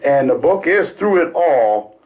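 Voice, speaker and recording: A man's voice: on the high side, lively intonation, measured pace, darkish tone, low-quality recording. A man with a Baltimore accent co-hosting a casual radio talk show in a studio, rambling with lots of fillers and restarts.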